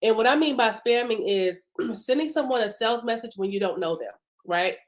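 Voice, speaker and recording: Her voice is a little high and brisk as she leads a casual teaching live stream as a business coach. She chats informally with many fillers, sounding congested from a cough and sore throat.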